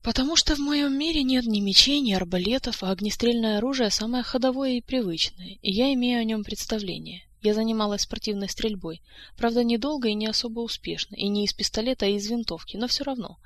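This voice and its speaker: A woman reading the part of a lively, outspoken young heroine, sounding eager and easily indignant. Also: on the high side, quick pace, natural voice. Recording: dry close-mic studio sound.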